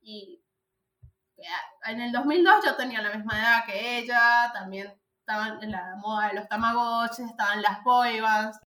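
A woman's voice: fairly high pitch, fairly even intonation, normal speed, bright, forceful tone. A woman in her thirties, chatting animatedly about a film as a podcast co-host, with lots of fillers. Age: 30s. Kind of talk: casual film review chat. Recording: echoey room.

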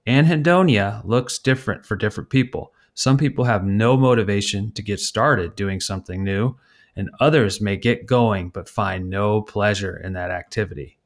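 Lowish, teasing middle-aged podcast host. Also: male voice, moderate pace. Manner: teasing, reading articles aloud with asides. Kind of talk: casual comedic chat.

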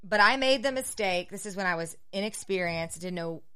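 Woman realtor co-host, chatty storyteller, smooth clear voice, mid pitch. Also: brisk. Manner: chatty storyteller, animated when quoting clients. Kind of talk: casual podcast chat.

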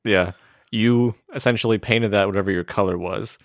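A man co-hosting a podcast, telling stories in a casual, animated and easygoing way. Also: on the low side, normal speed, dry recording, studio quality. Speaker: podcast co-host. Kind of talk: casual chat.

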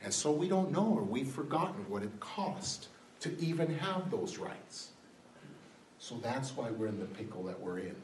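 A man's voice: mid-range voice, very animated, normal speed, darkish tone, slight background noise. A man giving an impassioned political talk to a live audience, firing rhetorical questions and climbing to emphatic peaks. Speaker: speaker addressing an audience. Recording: roomy hall, far-off mic, faint ambience.

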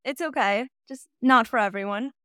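A woman of thirty with vocal fry, chatting candidly and with self-deprecation as a guest in a casual podcast interview. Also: on the high side, normal speed, a bit bright, no room sound, studio quality. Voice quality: distinctive voice. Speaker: guest, social media content creator.

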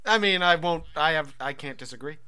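A man's voice: a little high, a little fast, sharp tone, smooth, dry recording. A man co-hosting a podcast in casual, wry, joking chat. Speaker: podcast co-host.

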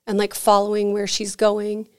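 A woman's voice: mid-range voice, normal speed, clean tone. A woman who runs an energy healing center, telling anecdotes in casual, chatty talk full of "like" as a podcast guest. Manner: chatty, peppered with "like", animated anecdotes. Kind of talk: casual conversational storytelling.

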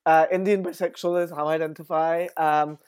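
A young man from West London, chatting as an interview guest with frequent fillers and an animated manner. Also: on the high side, fairly quick, clear, resonant tone, no room sound. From West London, England. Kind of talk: casual interview talk.

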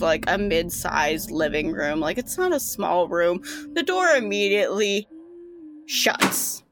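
A woman running a tabletop game, narrating casually with a lot of filler words. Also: mid-range voice. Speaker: game master.

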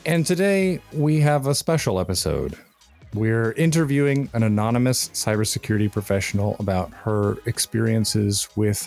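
A man's voice: fairly low pitch, darkish tone. A man hosting a podcast, introducing the episode and putting questions to a guest. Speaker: podcast co-host, interviewer.

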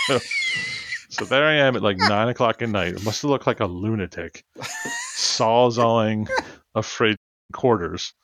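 A man's voice: on the low side, unhurried, pauses often, a bit bright, no echo. A man co-hosting a podcast, chatting casually and telling rambling stories with frequent laughs. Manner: rambling storyteller, laughs often. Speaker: podcast co-host. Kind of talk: casual chat. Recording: dull, lo-fi sound.

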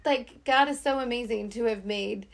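A woman co-hosting a casual faith chat, quick to agree and laugh along. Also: fairly high pitch, creaky. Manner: warm affirming listener, giggly. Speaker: co-host.

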